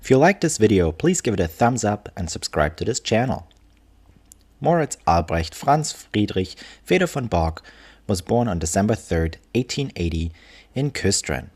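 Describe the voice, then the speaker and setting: A man with a deep voice and a German accent narrates history from a script. He reads in a measured way as the host, now and then stumbling over a word. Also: big pitch swings, a little mellow, husky.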